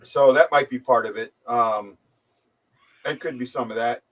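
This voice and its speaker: A man's voice: medium pitch, normal speed, fairly bright tone. Man sounding muffled, like on speakerphone. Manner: rambling, hesitant, stumbling repeats. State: slight head cold. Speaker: livestream host. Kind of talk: casual chat. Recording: distant muffled mic.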